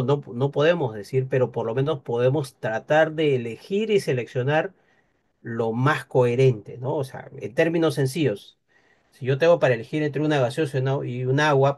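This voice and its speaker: A man's voice: medium pitch, a little mellow. A man, giving an explanatory talk on nutrition and rest to an audience, teacherly, with frequent rhetorical questions. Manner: didactic, peppered with rhetorical questions. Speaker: invited speaker on nutrition.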